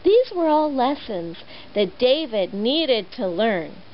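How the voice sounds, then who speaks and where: Speaking slowly in a voice on the high side, a woman brings a Bible story to life for children with an animated, expressive delivery. Her recording sounds muffled and carries faint noise.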